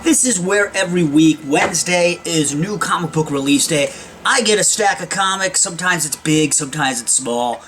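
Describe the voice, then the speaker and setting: Male comic vlogger, mid-pitched, rambling and chatty, mutters self-mocking asides, camera-mic sound with a faint hiss. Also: a bit bright. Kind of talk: casual comic book review. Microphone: built-in camera microphone.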